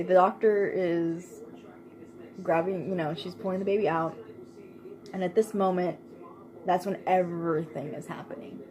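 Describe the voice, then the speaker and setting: A woman's voice: fairly low pitch, a little mellow, poor audio. A young woman vlogger telling a personal story in a casual, chatty way, laughing often and using lots of fillers.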